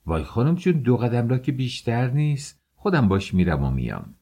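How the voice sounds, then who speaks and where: A man voicing an old nanny woman who is lazy, fussy and pleading, with a husky voice. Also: mid-range voice, huge pitch swings, warm tone, pitched above the performer's own voice, heavily acted. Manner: pleading, chatty.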